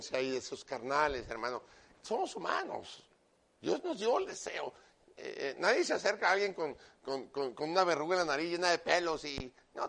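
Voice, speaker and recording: A man delivers a sermon in a loud, emphatic voice with a gravelly edge. His voice sits somewhat high for a man, and he talks straight to his listener, mixing earnest preaching with joking asides. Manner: animated, with joking asides and repeated direct address to the listener.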